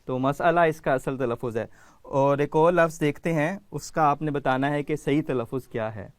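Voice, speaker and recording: A man's voice: fairly high pitch, dry recording. A man hosting a children's education program, patiently calling on kids by name to answer quiz questions.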